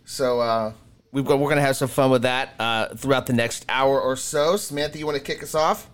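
A man's voice: medium pitch, steady tone, a little fast, clear, resonant tone. A man hosting a sports podcast with casual, laid-back, folksy chat.

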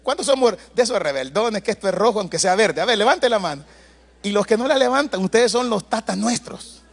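A man preaching a sermon in church, telling family stories with lively asides to the congregation and loud bursts. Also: high voice, fairly quick, husky. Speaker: pastor.

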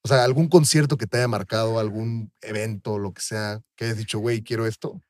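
A man's voice: fairly low pitch, steady tone, fairly quick, dry recording. A man with a Mexican accent, hosting a podcast, asking rambling, hesitant questions. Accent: Mexican Spanish. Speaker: podcast host. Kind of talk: casual interview chat.

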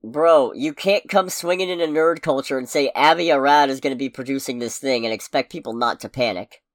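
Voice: mid-range voice, fairly quick. A podcast co-host who is sick, chatting casually about games and movies with a sarcastic, exclamatory manner.

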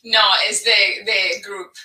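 A woman's voice: mid-range voice, fairly even intonation, slow pace, sharp tone, echoey room, far from the mic, rough recording. A woman from Venezuela with a Venezuelan Spanish accent, a guest giving playful hints and laughing often.

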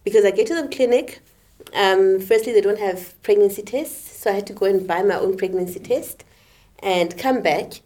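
A young woman co-hosting a podcast from South Africa, speaking in a measured, reflective way in short halting phrases. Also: medium pitch, a little mellow. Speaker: podcast co-host. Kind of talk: candid conversation.

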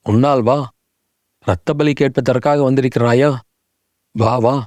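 A man's voice: mid-range voice, warm tone, dry recording, close to an everyday voice. A man reading the anguished, pleading thoughts of an aging king who is terrified of a ghost, in an audiobook. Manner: pleading, anguished inner cry.

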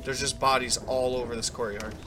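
A man narrating as game master, setting eerie scenes in a measured way with frequent fillers. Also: mid-range voice, flat delivery, a loud crowd. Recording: music playing clearly behind. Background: background music.

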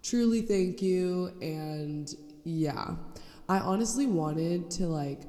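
This podcast host is a young woman with a fairly low, mellow voice, taking things slowly despite her cold-stuffed, nasal sound. She delivers a casual solo rant that is blunt, sarcastic and full of swearing. The room echoes and the mic seems improperly held.

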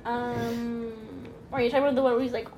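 A woman's voice: a little high, flat delivery, fast, highs cut off, noisy background. A young woman co-hosting a casual podcast chat at home, giggling often as she talks. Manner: giggly, laughs often between lines. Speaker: podcast co-host. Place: home kitchen.

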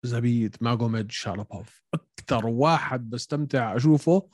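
A man's voice: mid-range voice, fairly quick, a little mellow, no echo, clean studio sound. A man with a Levantine Arabic accent hosting a casual sports debate, mixing English words into his Arabic. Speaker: podcast host reading viewer questions.

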